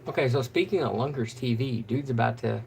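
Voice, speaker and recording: Casual male fishing host, gravelly and monotone, rambles on with fillers during a live stream. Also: mid-range voice, brisk, slight background noise.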